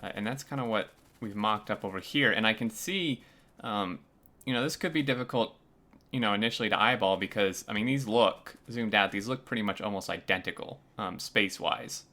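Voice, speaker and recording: Bright-voiced man hosting a game review. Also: lowish voice, a little fast. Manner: relaxed, many uh fillers. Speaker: host. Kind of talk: casual gameplay review chat.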